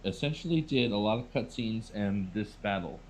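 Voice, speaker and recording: A man's voice: on the low side, lively intonation, normal speed, rough recording. A man co-hosting a game stream, chatting casually and making dry, teasing remarks. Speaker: stream co-host. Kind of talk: casual live-stream chat.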